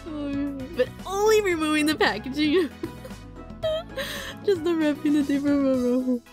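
A woman plays a visual novel, reading it aloud dramatically and reacting casually with animated, playful exasperation, occasionally stumbling over words. Her voice is high and unhurried, heard over music.

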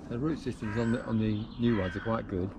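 A man in his fifties with a fairly low voice talks in a relaxed, easygoing way as he works outdoors, pausing with ums while he thinks aloud. The camera sits close by in the open air. Clear outdoor noise from birds and traffic runs underneath. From England. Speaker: allotment gardener and channel host. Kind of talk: casual gardening vlog. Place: outdoor allotment and polytunnel.

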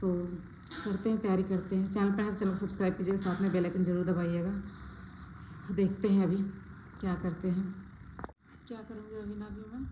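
A woman's voice: mid-range voice, level tone, fairly quick, mellow, echoey room, a little hiss or hum, rough recording. A woman from Faridabad, India, vlogging at home as she packs, chatting straight to her viewers with lots of fillers. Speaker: family vlogger. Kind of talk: casual vlog chat to viewers. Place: at home, packing indoors.

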